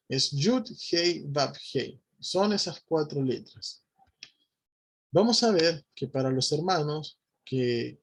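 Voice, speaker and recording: Slow, husky-voiced male Bible teacher. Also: on the high side. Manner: methodical, checks in with listeners often, spells out letters. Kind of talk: explanatory Bible lesson to a congregation.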